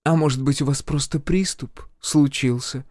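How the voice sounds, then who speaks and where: A man's voice: fairly high pitch, animated, mellow, no room sound, voice pushed up, close to an everyday voice. Sarcastic healer woman, teasing and lilting, read by a male narrator; dry close sound. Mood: mocking. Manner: mocking, teasing, drawn-out. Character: sarcastic unflappable middle-aged woman healer.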